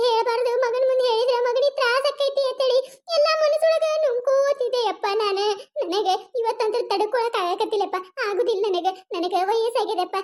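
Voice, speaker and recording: A sly, whining old village mother-in-law in a cartoon comedy, voiced by a woman. She speaks in a North Karnataka Kannada accent with a very high, squeaky cartoon voice. Her nagging complaints come out at a quick pace. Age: older.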